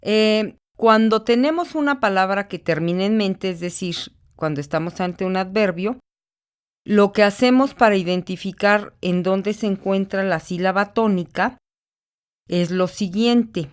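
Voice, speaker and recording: A woman's voice: medium pitch, measured pace, clear, resonant tone. A woman with a Mexican accent, a university instructor giving a recorded lesson, patiently repeating words syllable by syllable. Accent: Mexican Spanish.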